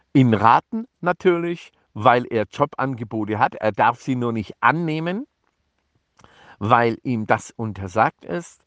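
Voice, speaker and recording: A man giving an improvised statement to press representatives, speaking in formal, bureaucratic phrases broken up by pauses and fillers. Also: mid-range voice, no room sound. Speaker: advocate making a press statement.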